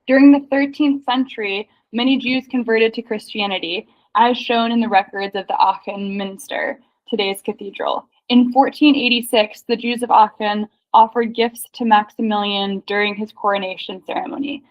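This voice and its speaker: A woman in a casual research chat, excitedly reading history passages aloud in quick bursts. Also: on the high side. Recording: dull lo-fi sound.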